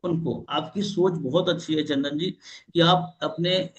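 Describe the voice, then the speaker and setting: Unhurried and steady, this man's slightly high voice has a husky quality as he runs a live online sales training by video call. He explains calling old leads by role-playing both sides of the conversation, repeating questions along the way.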